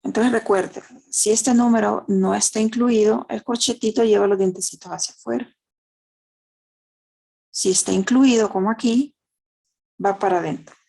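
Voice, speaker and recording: A woman's voice: medium pitch, fairly even intonation, moderate pace, gravelly, long pauses, dark tone. A woman with a Honduran Spanish accent teaching a math class online, explaining step by step and checking in with tag questions. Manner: uses diminutives.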